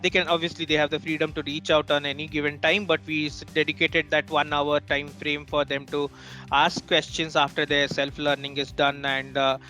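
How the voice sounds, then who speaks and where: A man from India talking about his work in a casual team meeting, with many pauses and fillers. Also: fairly high pitch, little pitch movement, pushed and bright, faint music behind. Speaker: team member.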